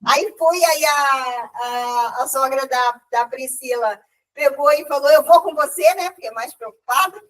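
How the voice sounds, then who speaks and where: A woman's voice: high-pitched, unhurried, a bit bright. A woman with a Brazilian accent gives an emotional testimony at a church meeting, often quoting herself and restarting her sentences. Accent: Brazilian Portuguese. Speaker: church group member giving a testimony. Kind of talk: animated storytelling testimony. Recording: voice from far off the mic.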